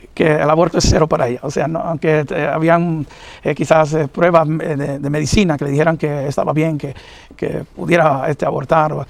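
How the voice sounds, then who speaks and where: Fast, halting preacher man telling his testimony. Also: a little high, gravelly, no room sound. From New York, of Puerto Rican parents. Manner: earnest, halting, many fillers. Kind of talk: personal testimony in an interview.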